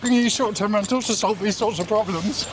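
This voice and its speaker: A man's voice: sits high, a little fast. A man giving casual interview answers while running outdoors. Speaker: interview guest. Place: outdoors in an urban area, on the move. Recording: clearly noisy outdoor urban recording.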